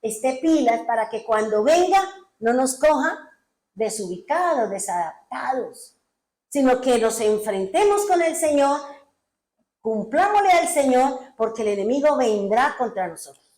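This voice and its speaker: A woman's voice: sits high, lively intonation, a little slow, a little mellow, roomy sound, low-quality recording. A woman pastor preaching a sermon, emphatic and full of rhetorical questions.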